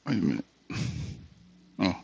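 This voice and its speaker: At a measured pace, an American man works through a software tutorial over screen share, reading snippets of text and mumbling asides to himself as he goes. The recording sounds dry and muffled.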